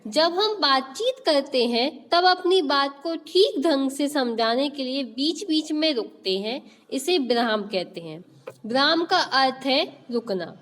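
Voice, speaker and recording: A woman's voice: high-pitched, animated, takes it slowly, fairly bright tone, in a large hall. A woman teacher, teaching an online class and quizzing children with repeated questions as she explains. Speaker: school teacher.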